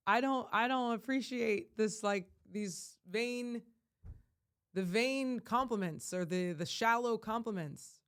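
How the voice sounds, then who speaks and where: A woman's voice: on the high side, slow pace, clean tone. Impassioned ranting woman vlogger. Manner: emphatic, ranting, surging to loud peaks; rambling with frequent restarts. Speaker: life coach. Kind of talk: impassioned vlog monologue.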